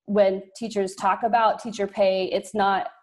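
A woman from rural southeast Oklahoma, a school intervention facilitator, talking about her career as a guest in a casual podcast interview, chatty and quick to laugh. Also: medium pitch, little pitch movement, a little mellow. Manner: chatty, laughs often, trails off.

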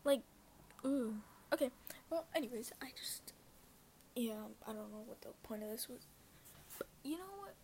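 A woman's voice: fairly high pitch, moderate pace, a little mellow, slight background noise. A woman hosting her own podcast, rambling and self-conscious, often dropping into a half-whisper. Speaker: podcast host. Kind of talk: casual solo talk.

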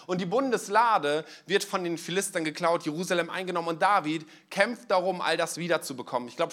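A man's voice: on the high side, fairly bright tone. A man giving a conversational sermon at a church service. He tells the story casually, uses everyday fillers and speaks directly to the congregation. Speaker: preacher.

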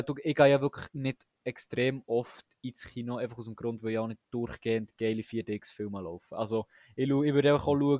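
A man's voice: medium pitch, a little mellow, no room sound, studio quality. A young man co-hosting a casual podcast chat, talking eagerly with slang and many restarts. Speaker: podcast co-host.

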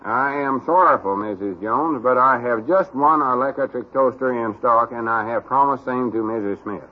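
An actor in an old-time radio comedy plays a bossy, self-important country man with a Southern US accent, officious and exasperated, turning stiffly pompous when he reads. His medium-pitched voice moves at normal speed and stays close to an everyday voice. The old radio recording sounds muffled and worn.

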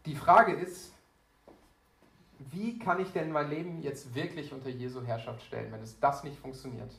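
Man, young adult, preacher, earnest, conversational, mid-pitched voice, roomy church sound. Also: moderate pace, creaky, a bit bright. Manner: earnest, conversational, with frequent fillers. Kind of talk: sermon. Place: church hall. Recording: echoey church hall.

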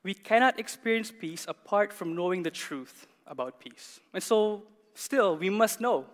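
Male pastor, higher voice, emphatic sermon delivery, church reverb. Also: a bit bright. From Canada. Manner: emphatic, repeats words for stress, asks the congregation questions. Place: church hall.

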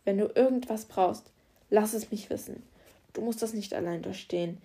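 A woman's voice: mid-range voice, normal speed, dark tone, natural voice. A woman voicing a determined, caring male police officer who speaks firmly and reassuringly in an audiobook. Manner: firm, commanding, reassuring.

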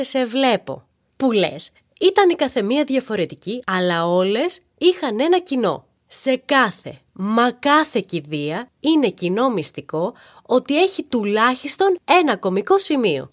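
Woman podcast host, comic monologue, high and very lively voice, playful, talks to the listener. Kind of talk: comedic storytelling monologue.

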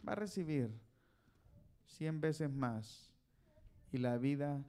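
Preacher guy, high-ish voice, jokey, goes loud then quiet. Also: animated, takes it slowly. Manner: folksy, teasing, calls out to the congregation; swings between loud and soft. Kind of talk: sermon.

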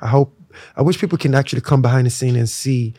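A young man from Nigeria, a musician talking in a relaxed, reflective way with lots of fillers during an interview. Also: medium pitch, quick pace, slightly rough, no echo. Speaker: musician guest. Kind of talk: casual interview talk.

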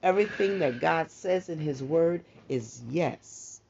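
A man with a gravelly voice delivers a morning devotional. He exhorts his listeners in repeated, declaring phrases. The recording sounds dull and lo-fi. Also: on the high side, expressive, unhurried, a little mellow.

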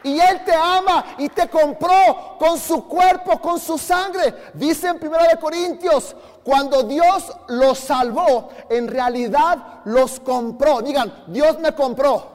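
A man with a Mexican accent preaching a sermon as pastor, fervent, swinging from soft asides to shouted emphasis and joking with the congregation. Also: very high voice, takes it slowly. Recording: long hall reverb.

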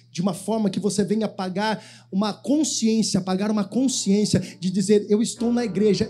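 A man's voice: high-pitched, mellow, breathy edge. A man preaching a sermon as pastor, giving the congregation commands to repeat after him. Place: church.

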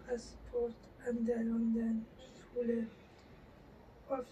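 Woman reading a novel, whispery and slow, stumbles a bit, noisy far-off mic. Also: a little high, monotone, dull audio. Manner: soft, often whispered, halting with restarts. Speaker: reader. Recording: distant mic with audible background noise.

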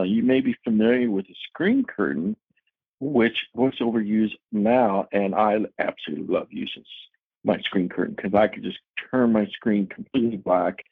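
A man's voice: on the low side, vocal fry, slightly rough, no echo. A man giving a casual, chatty talk to a technology user group, explaining features with frequent fillers. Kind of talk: casual presentation. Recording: tinny phone-like audio.

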